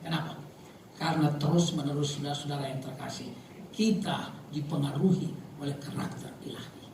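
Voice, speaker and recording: A man's voice: fairly high pitch, fairly even intonation, fairly quick, a little hiss or hum. A man from Maluku preaching a sermon as pastor, telling stories and jokes and often calling out to the congregation. He calls himself somewhat emotional and reactive. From Maluku, Indonesia. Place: church hall with congregation. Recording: very echoey hall, voice from far off.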